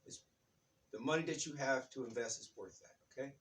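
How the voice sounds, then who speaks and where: A man's voice: medium pitch, brisk, background noise. A man hosting his own spiritual self-help channel. He talks in a rambling, repetitive way and often restarts his phrases. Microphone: self-recorded on his own device. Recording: voice distant from the microphone.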